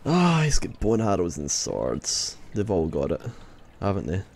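A man giving sweary let's play commentary, reacting loudly to the game. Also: sits low, wildly swooping pitch, measured pace, vocal fry. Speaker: gaming YouTuber. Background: game music.

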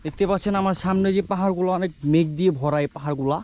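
Fast-talking young man vlogging outdoors. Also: high voice, a little mellow, highs cut off. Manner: chatty, addresses viewers as guys, mixes English words. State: out of breath from climbing. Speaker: travel vlogger. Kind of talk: casual travel vlog narration. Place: outdoors on a hill trail and beach. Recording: faint outdoor noise.

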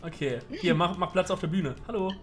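A man's voice: high voice, lively intonation, fairly quick. A man in his late twenties hosts a casual game stream, voice rising and falling freely as he jokes and directs the players. Game music plays under his talk. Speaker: streamer and lobby host.

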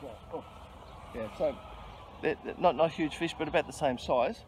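On a noisy riverbank by a bridge, a middle-aged fishing vlogger chats casually and explains his fishing as he goes, with plenty of ums and restarts. His voice is fairly high at a moderate pace, picked up close on a handheld camera.

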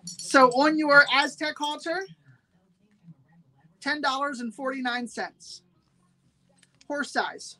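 A woman's voice: sits high, fairly even intonation, takes it slowly, pauses often, sharp tone, rough recording. A woman hosting a live-streamed sale, chatting with viewers and repeating every price twice. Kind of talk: live-streamed sales pitch.

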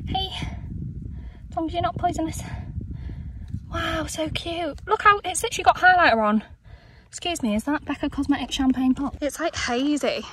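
Bubbly young woman chatting to her vlog cam, bit high voice, noisy handheld audio. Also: normal speed, long pauses. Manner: chatty and bubbly, drops to a whisper. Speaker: vlogger. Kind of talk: casual vlog chat. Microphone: handheld camera or phone.

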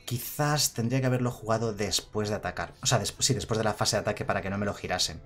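A man's voice: on the low side, fast, a bit bright, soft background music. A man streaming a card game, chatting casually, reading chat aloud and laughing often. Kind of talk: casual live-stream commentary.

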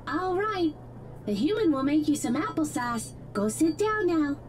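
A woman's voice: high-pitched, very animated, measured pace, a little mellow, a little hiss or hum. A woman voicing a fussy mother robot who orders food for her child in a video game. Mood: chatty.

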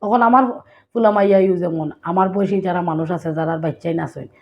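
A woman's voice: on the low side, fairly quick. A woman from Sylhet with a Sylheti accent, talking casually to her vlog viewers and often asking them questions. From Sylhet, Bangladesh. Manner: chatty, asks the viewer questions. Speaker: vlogger. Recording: slightly dull lo-fi sound.

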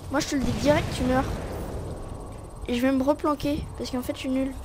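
A woman's voice: high voice, fairly even intonation, a little fast, background noise. A woman giving casual gameplay commentary, playfully taunting and trash-talking her opponents. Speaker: gamer. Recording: loud gunfire from the game under the voice. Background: game gunfire and ambience.

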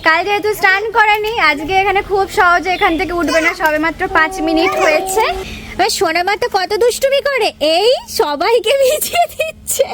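A woman from West Bengal narrates a family vlog outdoors in her courtyard. Her voice sits very high, and she chats warmly with a toddler in sing-song baby talk. A clip-on wireless mic picks her up up close. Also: animated, a little fast, background noise. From West Bengal, India. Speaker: vlogger, mother. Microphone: wireless lapel mic.

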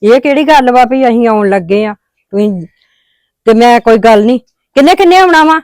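A woman's voice: a little high, expressive, normal speed, a little mellow, no room sound, lightly acted. A woman playing a welcoming older mother. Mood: homely. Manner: homely, welcoming. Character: warm hospitable older mother and wife.

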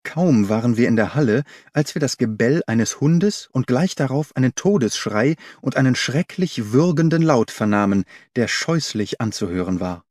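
A man reading an audiobook aloud in steady first-person narration. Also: medium pitch, moderate pace, hardly any pauses, no echo, studio quality. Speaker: audiobook reader. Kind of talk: scripted narration.

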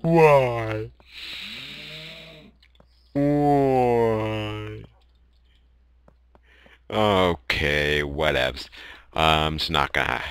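A man giving excitable let's play commentary and crying out when his character dies. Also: lowish voice, smooth, no echo. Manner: excitable, shouting at in-game deaths. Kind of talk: game commentary.

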